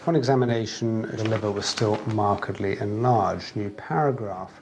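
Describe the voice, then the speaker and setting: A doctor dictating a clinic letter in a formal, clinical manner. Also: male voice, lowish voice, normal speed, noisy background.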